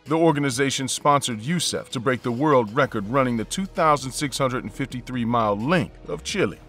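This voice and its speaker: A man giving a steady, scripted narration of a true-crime story. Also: mid-range voice. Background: faint background music.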